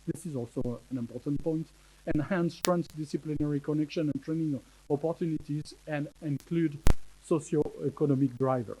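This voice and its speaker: A man with a French accent, a native French speaker, giving a conference presentation in English, halting, with many fillers and restarts. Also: a little high, noisy background. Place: conference hall.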